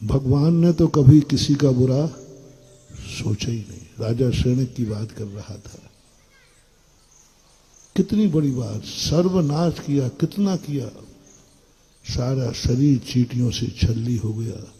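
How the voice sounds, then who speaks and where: A man's voice: mid-range voice, expressive, takes it slowly, long pauses, dark tone, husky, poor audio. An older man preaching a sermon to an audience, blunt and scolding, asking his listeners questions. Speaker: Jain monk preacher.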